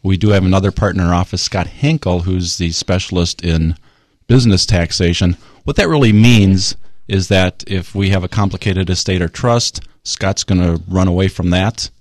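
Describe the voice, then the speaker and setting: A man's voice: deep voice, moderate pace, no room sound, clean studio sound. A man speaking as an expert guest, explaining things in a radio interview. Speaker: guest accountant.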